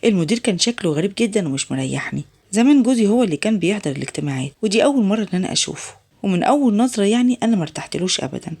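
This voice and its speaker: Egyptian woman narrator, husky voice, races through a first-person family story at a steady clip. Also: mid-range voice, very fast. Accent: Egyptian Arabic.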